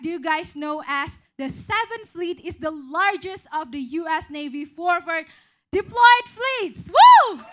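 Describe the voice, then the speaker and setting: A young woman with a very high-pitched voice acts as event host for a live stage interview at a small venue. Holding a handheld mic, she cheers the band on excitedly.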